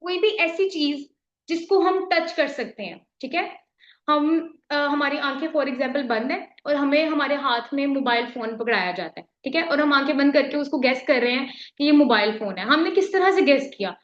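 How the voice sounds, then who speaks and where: High-voiced woman lecturing in an echoey room. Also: moderate pace, a bit bright. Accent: Pakistani Urdu. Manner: explains patiently, mixing English terms, often checks "theek hai?". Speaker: chemistry teacher. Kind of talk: classroom lecture. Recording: echoey, slightly dull classroom recording.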